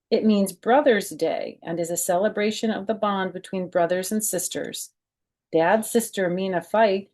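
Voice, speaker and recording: A woman with a lowish, darkish voice hosts a children's storytime, reading a picture book aloud with expression. She adds chatty, informal explanations as she goes.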